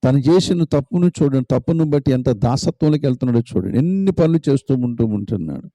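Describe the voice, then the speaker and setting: A man's voice: mid-range voice, lively intonation, fast, mellow, no echo. A man preaching a sermon as a pastor, retelling a story emphatically with lots of repetition.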